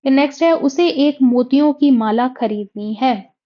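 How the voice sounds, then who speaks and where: A woman's voice: sits high, moderate pace. Woman teacher explaining, slightly dull audio. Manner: explains patiently, repeats corrections, rhetorical questions. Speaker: exam prep teacher. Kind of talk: lesson on Hindi grammar.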